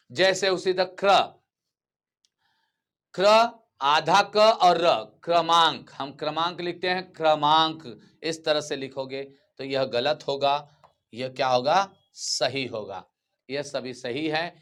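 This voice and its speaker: A man's voice: medium pitch, a bit bright. A male teacher giving a grammar lecture, who keeps repeating key terms and asking his students questions before answering them himself.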